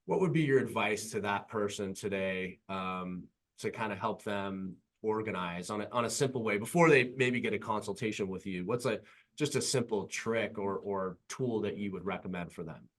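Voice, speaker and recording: A man's voice: lowish voice, moderate pace. A man with a Californian accent, hosting a podcast in a casual, enthusiastic, rambling way. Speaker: podcast host. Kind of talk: casual interview talk.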